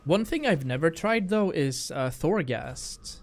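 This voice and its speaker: A man's voice: a little high, lively intonation, slow. A man livestreaming a video game, chatting casually and slangily with his viewers as he plays. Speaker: livestream gamer host. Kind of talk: casual game stream chat. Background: game music.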